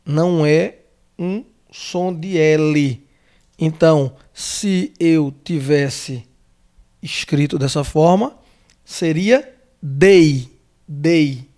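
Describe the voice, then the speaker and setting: A Brazilian man teaching a lesson, walking through letters slowly and carefully, repeating names and checking in with the listener. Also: on the high side, a little mellow. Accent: Brazilian Portuguese. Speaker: theology teacher. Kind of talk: whiteboard lesson on the Greek alphabet.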